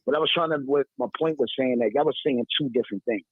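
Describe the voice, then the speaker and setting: A young man from Brooklyn, a college athlete calling in, talking in quick, casual slang. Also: mid-range voice, slightly rough, no room sound. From Brooklyn, New York. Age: young adult. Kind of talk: phone-in call defending his comments. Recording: tinny phone line.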